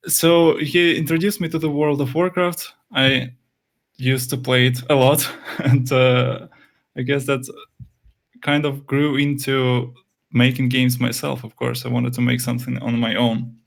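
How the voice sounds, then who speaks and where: This young man, a game developer whose first language is Russian, hesitates through interview answers with lots of fillers and false starts. He speaks a little slowly in a level, mid-range voice with some vocal fry.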